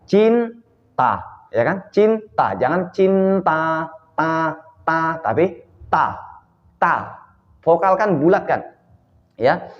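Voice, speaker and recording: A man's voice: on the high side, in a large hall. Guy teaching singing, voice jumps up and down a lot, sounds kinda dull and muffled. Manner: checks in often with "ya kan?" and sings short demo notes. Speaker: vocal coach. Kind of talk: vocal lesson to camera.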